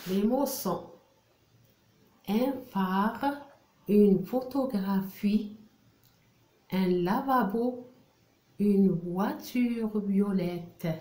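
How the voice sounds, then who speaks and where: A woman teacher, slowly drilling French syllables for young children and repeating each one. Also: mid-range voice, warm tone. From Algeria. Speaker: primary school French teacher. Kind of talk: reading lesson for young children. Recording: roomy echo.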